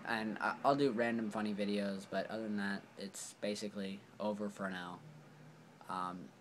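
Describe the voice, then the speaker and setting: Man, toy review vlog, lowish voice, rambling and apologetic, camera mic, faint hiss. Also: fairly even intonation, normal speed. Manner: rambling, filler-heavy, apologetic.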